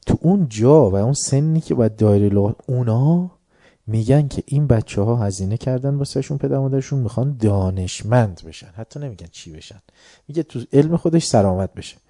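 A man's voice: mid-range voice, expressive, dark tone, dry recording, studio quality. A man giving an informal religious talk to an audience, conversational and joking, often mimicking other people's voices. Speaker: religious lecturer.

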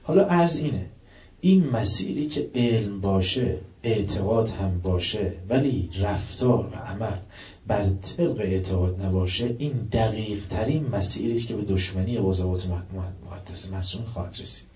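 A man's voice: on the low side, a little mellow. A man preaching a sermon, dramatically retelling a story and voicing the people in it. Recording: roomy echo, distant mic.

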